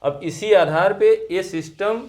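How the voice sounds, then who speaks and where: A man's voice: high-pitched, a little slow. A man teaching Hindi grammar in class, asking questions and checking understanding with short "right?" prompts after each point. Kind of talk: classroom lesson with call-and-response.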